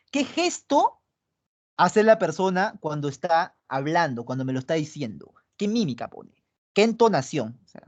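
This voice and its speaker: Lively Peruvian woman teaching psychology online. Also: mid-range voice. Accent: Peruvian Spanish. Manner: explains step by step, constantly checking in with students. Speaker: pre-university psychology teacher. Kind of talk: online class lecture. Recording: dull lo-fi online class audio.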